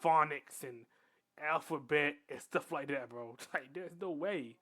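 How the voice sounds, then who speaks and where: A man's voice: on the high side, measured pace, fairly bright tone. A young man hosting a reaction video, chatting casually and often restarting his sentences. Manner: chatty, restarts often, keeps saying "bro".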